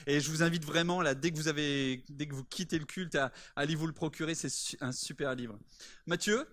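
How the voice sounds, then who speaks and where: A man's voice: a little high, a little fast, a bit bright. Enthusiastic male church host. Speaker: church host interviewing a guest. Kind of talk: live church interview. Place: church service before a congregation.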